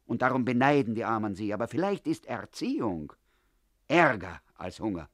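A man's voice: mid-range voice, very animated, normal speed, dry recording, clean studio sound. A man reading a first-person story aloud in a confiding tone, as if talking to an old comrade. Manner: confiding, addressing the listener as comrade. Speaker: audiobook narrator. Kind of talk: first-person literary narration.

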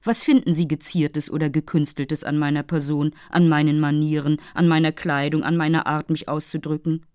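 A woman's voice: sits low, flat delivery, normal speed, darkish tone, clean tone, no echo, studio quality, natural voice. A woman voicing a haughty, moralizing female fairy who lectures and takes offense easily. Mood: indignant.

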